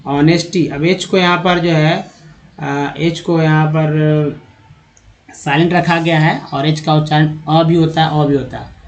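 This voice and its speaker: Man teaching English reading, spelling slowly. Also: fairly high pitch, a little mellow, muffled recording. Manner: explains patiently, repeating and spelling out letters slowly; addresses viewers as friends, with hesitation fillers. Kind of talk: spoken lesson on reading English words.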